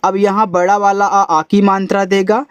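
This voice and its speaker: A man, teaching English phonics, spelling letters out slowly and sounding words out in a chatty way. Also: sits high, little pitch movement, clear, resonant tone, no room sound. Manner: calls the listener brother, chatty teaching. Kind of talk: phonics lesson for beginners.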